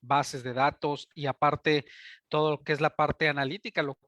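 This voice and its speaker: A male host with a slightly higher voice sums up his guest's points. He sounds friendly and reassuring, recorded close and dry. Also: level tone, moderate pace, a bit bright, no echo. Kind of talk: casual interview chat.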